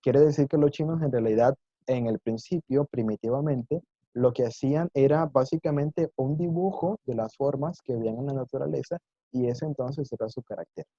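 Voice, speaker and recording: A man's voice: mid-range voice, normal speed, warm tone, no room sound, highs cut off. A man teaching an online Mandarin lesson in Spanish, patiently explaining and demonstrating tones with exaggerated intonation and encouraging his students.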